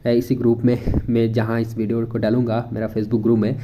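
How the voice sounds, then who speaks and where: A young Indian man, an education YouTuber, casually guides viewers through a website on screen, chatting and thinking aloud with lots of fillers while switching between Hindi and English. His medium-pitched voice is warm but completely flat in delivery and a little fast. There's a slight hiss or hum in the recording.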